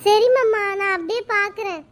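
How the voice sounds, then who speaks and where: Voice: very high-pitched, moderate pace. A performer voicing a timid young village mother in a cartoon, answering meekly and politely. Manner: meek, polite, hesitant. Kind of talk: cartoon voice acting.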